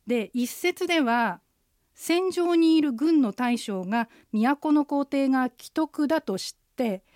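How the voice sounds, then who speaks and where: A woman, an interpreter guide, teaching a radio language lesson, explaining phrases patiently and slowing down to model pronunciation. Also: high voice, expressive, a little mellow, dry recording, clean studio sound. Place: radio studio.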